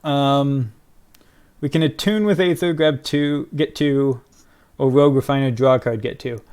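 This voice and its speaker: Excitable man doing gameplay commentary. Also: medium pitch, measured pace, smooth. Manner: excitable, swings from mutters to loud cries and laughter. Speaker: gaming video creator.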